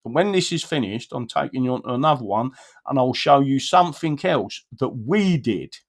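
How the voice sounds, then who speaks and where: A man's voice: medium pitch, expressive, moderate pace. A man giving informal, emphatic commentary on a video, often checking in with "right?". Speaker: commentator presenting a clip.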